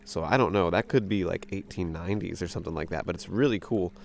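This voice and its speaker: An American man with a fairly low voice talks casually to his camera while exploring outdoors. He sounds like an excitable treasure-hunting vlogger, full of exclamations and playful musing. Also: fast talker, vocal fry, a little hiss or hum. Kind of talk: casual outdoor vlog commentary. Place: outdoors along a wooded creek. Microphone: camera held at arm's length.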